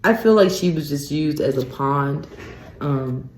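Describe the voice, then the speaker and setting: A woman hosts her own radio talk show alone, speaking at an unhurried pace. She rants with growing disbelief and keeps addressing listeners as "you guys." Her voice carries a roomy, echoey studio sound. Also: low-pitched, lively intonation, a little mellow. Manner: incredulous ranting, peppered with "you guys" and "um". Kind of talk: solo radio talk commentary.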